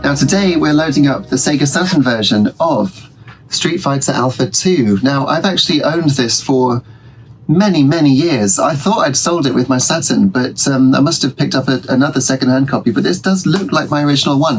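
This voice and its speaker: A man with a mid-range, expressive voice, congested from a cold, gives casual let's-play commentary on his retro gaming channel, talking a little fast. He rambles with frequent ums and restarts over game music, in a low-quality recording with slight background noise.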